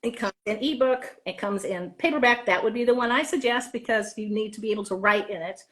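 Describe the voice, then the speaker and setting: This interview guest, an author who also teaches drama, has a slightly high, fairly bright voice and talks a little fast. Her manner is chatty and casual, and she's prone to performing snippets of dialogue in an animated way.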